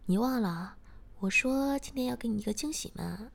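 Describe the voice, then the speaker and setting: A woman's voice: fairly high pitch, expressive, normal speed, creaky. A woman reading the lines of a teasing, self-assured young man in a spoken story, in her own voice.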